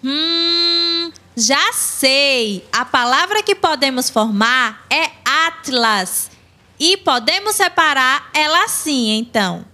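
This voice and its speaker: An eager, excitable little schoolgirl, as a woman plays her in a children's audio lesson. Her voice is very high and bright. She speaks slowly and with delight. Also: full character voice. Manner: excited, eager, sing-song. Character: eager young schoolgirl Nina. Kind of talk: children's educational audio drama.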